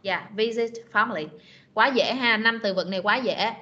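A woman teaches over a video call, patiently saying each word several times so the children can copy her. Her voice is bright and fairly high. The sound is dull and lo-fi, as in a meeting recording. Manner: patient, models pronunciation by repeating words slowly. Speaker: English teacher. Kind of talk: online class instruction.

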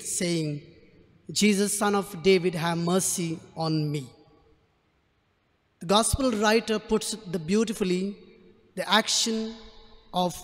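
A priest speaking solemn, measured liturgy and a homily into a pulpit microphone in a large church. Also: male voice, sits high. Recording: long church reverb.

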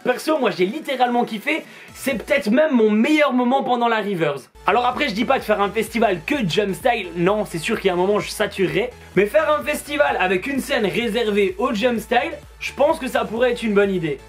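A man's voice: very high voice, lively intonation, fairly quick, husky. A Belgian man with a Belgian French accent, chatting casually and enthusiastically about music tracks in a joking vlog style. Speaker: DJ and music video host.

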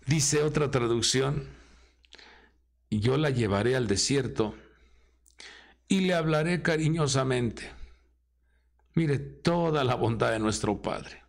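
Man preaching from the pulpit: slow and theatrical, raspy fry. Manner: dramatic preaching, acting out quoted voices with swings in pitch. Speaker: apostle preaching. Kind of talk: sermon.

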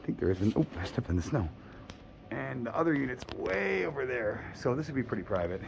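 Filmed on a phone held at arm's length with background noise, a real estate agent thinks aloud through a condo walkthrough that briefly goes outside. His manner is low-key and matter-of-fact, yet he's very animated, a little fast, and has vocal fry.

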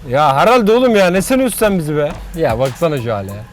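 A man vlogging in a joking, animated way, talking to his viewers. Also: a little high, quick pace, faint music behind. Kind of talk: comedic vlog.

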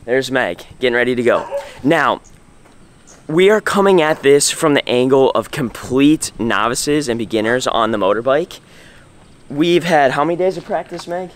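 A young travel vlogger with a mid-range voice talks animatedly at normal speed, upbeat and enthusiastic as he walks outdoors along roads and jungle paths. He holds a selfie camera at arm's length while guiding his vlog, and there's slight background noise.

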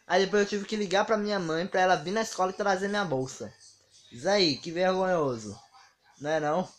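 Guy telling embarrassing stories. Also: high-pitched. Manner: animated, acts out quoted dialogue. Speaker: vlogger. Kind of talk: casual storytelling monologue.

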